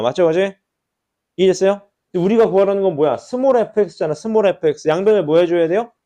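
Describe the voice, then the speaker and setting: A man's voice: high-pitched, warm tone. A man teaching a math class at the board, who keeps checking in with rhetorical questions and repeats key words for emphasis. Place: classroom at a whiteboard.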